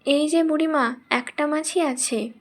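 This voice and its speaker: A woman as a weary fish seller. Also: unhurried. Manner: low-key, frank.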